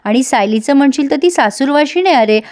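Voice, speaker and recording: Caring, concerned middle-aged mother-in-law, soft-spoken, a woman voicing her. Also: sits high, animated, brisk.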